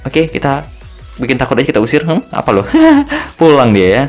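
A man's voice: mid-range voice, animated, fast talker. A young man talks through a match in casual, joking commentary. His voice swings up and down a lot as he teases and hurries his teammates along, with faint music playing underneath. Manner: chatty and joking, ends phrases with tag words. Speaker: gaming video host.

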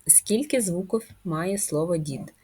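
Slow, breathy woman teaching first grade. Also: lowish voice, expressive, dark tone. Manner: patient, spells out sounds and syllables; coaxing questions to children. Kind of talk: first-grade reading lesson.

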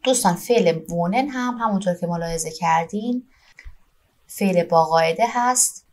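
A woman language teacher giving an online lesson, patiently explaining grammar and slowly dictating verb forms one by one. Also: on the low side, darkish tone. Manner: slow, careful dictation of German verb forms with Persian explanations.

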